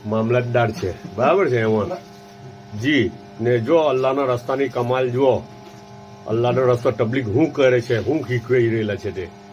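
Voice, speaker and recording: A man's voice: mid-range voice, normal speed, darkish tone. Preachy man with lo-fi background noise. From Gujarat, India. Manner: keeps asking listeners "right?" while he explains. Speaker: religious vlogger. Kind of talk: preachy vlog commentary. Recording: dull, lo-fi sound with clear background ambience.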